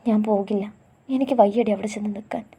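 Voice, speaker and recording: A woman voicing a tearful young woman in love, soft and pleading. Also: mid-range voice, fairly even intonation, quick pace, husky. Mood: subdued.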